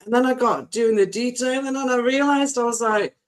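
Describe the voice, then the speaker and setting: A woman's voice: fairly high pitch, brisk. A woman artist talking about her cover art in a casual live-stream chat, rambling and emotional, often laughing.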